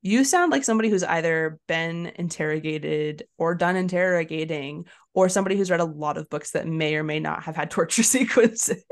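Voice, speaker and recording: Low, gravelly young woman chatting. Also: a little fast, hardly any pauses. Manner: giggly, filler-heavy, laughs often. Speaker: podcast co-host. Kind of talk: casual book-club chat and reading aloud.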